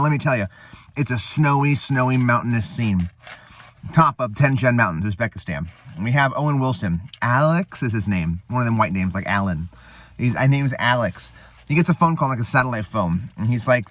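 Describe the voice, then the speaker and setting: A man's voice: medium pitch, lively intonation, fairly quick, fairly bright tone. A man hosting a casual eating show, rambling and laughing as he retells a movie between bites. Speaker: host. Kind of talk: casual chat.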